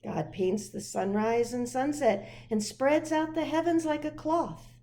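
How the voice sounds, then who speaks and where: In a high-pitched voice, a woman plays a gentle, patient parent from a picture book, answering a child in a measured and reassuring way.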